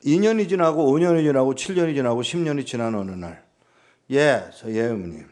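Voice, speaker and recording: A man's voice: medium pitch, animated, fairly quick, a little mellow. A man preaching as a guest pastor, telling stories and acting out dialogue with his mother in his sermon. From Korea.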